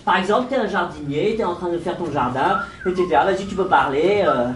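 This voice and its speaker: A man's voice: sits high, fairly quick, a bit bright, slight background noise. Man explaining improv game on stage. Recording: roomy stage with live audience.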